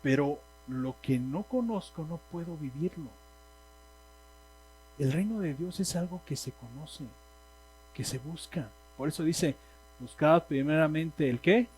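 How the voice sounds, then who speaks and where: Mexican male preacher, emphatic, a bit high-pitched, faint hum on the recording. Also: animated, unhurried, long pauses, a little mellow, rough recording. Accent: Mexican Spanish. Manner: emphatic, asks the congregation questions. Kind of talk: sermon. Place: church hall.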